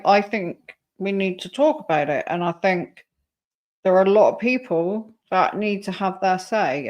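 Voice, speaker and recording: A woman hosting a casual live stream, reacting to a clip and talking to her chat. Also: on the low side. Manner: chatty, reacting to a clip and reading chat aloud.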